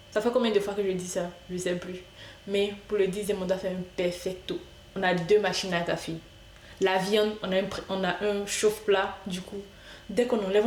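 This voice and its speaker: A woman's voice: mid-range voice, a little mellow. A woman giving casual gameplay commentary, chatty and playful, talking to the game's customers as if serving them herself. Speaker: gaming video creator. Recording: echoey room.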